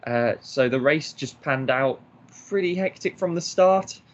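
A man's voice: mid-range voice, animated, unhurried. A man co-hosting a casual podcast, blunt and opinionated, joking with his co-hosts. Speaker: podcast co-host. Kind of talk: casual chat. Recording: dull lo-fi podcast audio.

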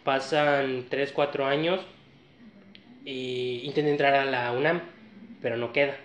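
A man's voice: medium pitch, a little slow, slight background noise. Northern Mexican man, casual storyteller, slangy and loose, in a roomy, slightly dull recording. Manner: relaxed, slangy storytelling with many fillers. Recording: echoey room, slightly dull sound.

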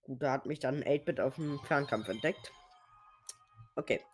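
A man's voice: mid-range voice, normal speed, soft background music. A young man who is sick with a sore throat gives casual, slangy solo commentary on a game, muttering to himself as he plays. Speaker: host of a gaming podcast.

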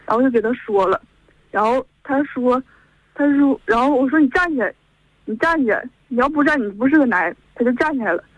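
A woman's voice: sits high, expressive, fast, no room sound. Young northeastern chinese woman calling in, rambling on, dull lo-fi phone sound, dry. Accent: Northeastern Mandarin. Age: 20s. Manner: rambling, strings events with "and then". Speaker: caller. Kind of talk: call-in chat. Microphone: telephone.

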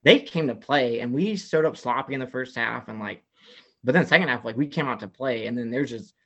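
A man spins a long, rambling story in casual chat. His voice sits at an ordinary middle pitch, and he leans heavily on "like" as he talks. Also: brisk. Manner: rambling, many "like" fillers, animated retelling. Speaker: podcast guest.

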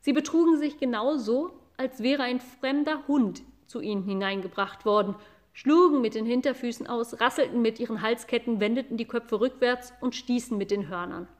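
A woman reads a classic children's story aloud as audiobook narration. Her pace is calm and measured, and her voice sits a little high for a woman.

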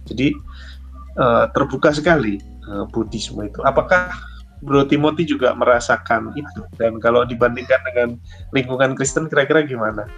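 A man's voice: medium pitch, normal speed, a bit bright. A man hosting a casual interview, curious and easygoing as he sets up his questions. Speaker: host. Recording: dull sound with faint music.

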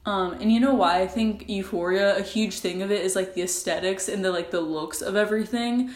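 A woman's voice: medium pitch, a little fast. A young woman hosting a casual solo podcast recorded in a bathroom, talking in an informal, rambling way peppered with "like". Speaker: podcast host.

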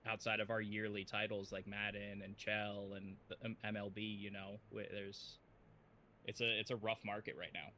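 A man's voice: lowish voice, level tone, normal speed, bright, forceful tone, a little hiss or hum. A man co-hosting a casual gaming podcast, blunt and opinionated as he complains about the state of the games industry. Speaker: podcast co-host.

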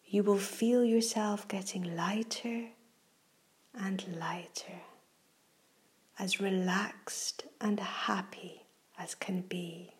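This is a woman leading a guided meditation for kids on a relaxation show, her voice a soft, breathy half-whisper. She phrases things slowly and soothingly at a medium pitch with a steady tone.

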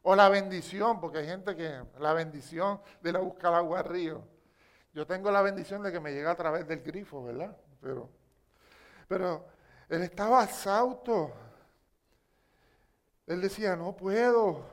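A man's voice: high voice, normal speed, pauses often. A man with a Puerto Rican accent preaching a sermon, telling a story with call-and-response asides to the congregation. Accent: Puerto Rican Spanish.

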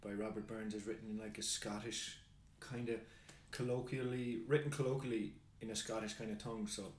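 A man co-hosting a podcast, chatting casually with plenty of swearing and rambling in quick bursts. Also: on the low side, steady tone, reverberant. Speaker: podcast co-host. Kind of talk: casual chat.

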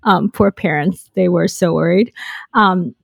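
A young adult woman from Hong Kong shares her story as a podcast guest in casual interview style, reflective and chatty, sprinkling in lots of "um" and "you know" plus light laughs. Her voice is fairly low and gravelly, at a measured pace, with no room sound.

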